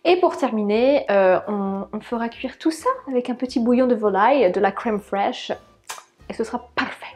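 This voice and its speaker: A woman's voice: a little high, normal speed, a little mellow, husky. A young woman vlogging from her home kitchen, chatting casually with lots of fillers as she explains each cooking step. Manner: chatty, many fillers, narrates while cooking.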